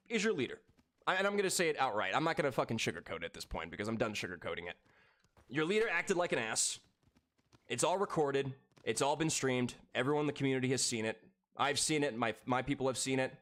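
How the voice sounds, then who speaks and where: A man's voice: mid-range voice, very animated, fast talker, fairly bright tone. Laid-back swearing man streaming. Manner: laid-back, profane, talking to chat. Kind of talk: casual live-stream chat while gaming.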